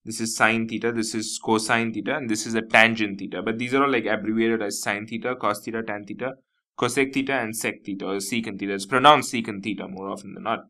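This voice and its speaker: With an Indian English accent, this man teaches a math lesson step by step, often saying "nothing but" and "you know" and repeating key terms. His voice sits on the low side, steady in tone, quick, and pushed and bright.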